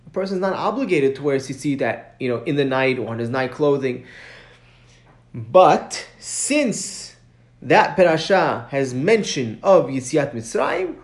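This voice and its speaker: A man with a fairly high voice teaches Mishnah in a recorded study lesson, working through the text step by step. He quickly chants the source text, often checks in with "right?", and his voice rises to stress key points.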